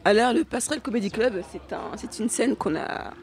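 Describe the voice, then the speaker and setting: A woman's voice: on the high side, animated, brisk. A woman youth worker answering as a guest on a live radio show outdoors, upbeat and friendly. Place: outdoors at a neighbourhood fête.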